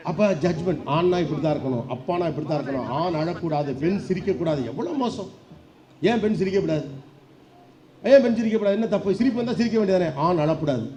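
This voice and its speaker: A middle-aged man giving a lively motivational speech to an audience, firing off rhetorical questions and acting out voices. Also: a little high, fast talker, few pauses, crowd noise. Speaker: public speaker. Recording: dull lo-fi sound with faint background noise.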